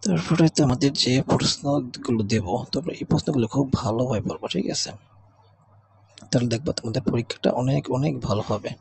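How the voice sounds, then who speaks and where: A man's voice: mid-range voice, a little fast, gravelly, darkish tone, husky. A man teaching an exam revision lesson. He reads out words twice and keeps asking "okay?" with a rise. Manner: repeats each word twice as he reads.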